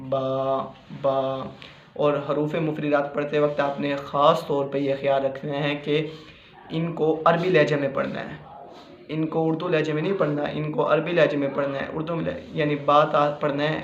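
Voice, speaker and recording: A patient man from Pakistan gives a slow lesson on letter sounds, repeating each point and sounding out every letter. His voice sits a little high and keeps to a flat, even tone. The recording is muffled and echoey, as in a bare room. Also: slight background noise. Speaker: Quran reading teacher. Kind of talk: slow spoken lesson with demonstrations.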